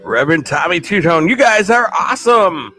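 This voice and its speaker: Upbeat high-voiced man hosting a livestream. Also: very animated, normal speed, pushed and bright, faint music behind. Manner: upbeat, chatty, laughs often, thanks viewers effusively. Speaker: livestream host. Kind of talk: casual live-stream chat, reading comments.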